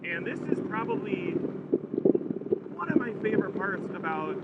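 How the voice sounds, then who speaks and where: A man's voice: high voice, very animated, moderate pace. A man chatting casually to viewers in a folksy way from inside his helmet while riding a motorcycle. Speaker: motorcycle vlogger. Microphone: microphone inside a helmet. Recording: tinny narrowband helmet mic, loud engine noise. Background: loud motorcycle engine and wind.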